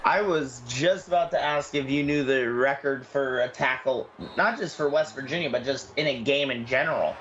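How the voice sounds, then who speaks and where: A man doing color commentary for an online football game, offering relaxed analysis with a bit of self-deprecation. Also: medium pitch, normal speed, few pauses, dull audio, slight background noise. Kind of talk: sports commentary.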